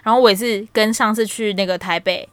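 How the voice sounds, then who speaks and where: An animated woman of about thirty, co-hosting a casual chat. She tells stories with plenty of laughter and a middle-pitched voice. The recording is dry and close, with almost no room sound. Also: a little fast, no room sound. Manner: animated storytelling, laughs a lot. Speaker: podcast co-host.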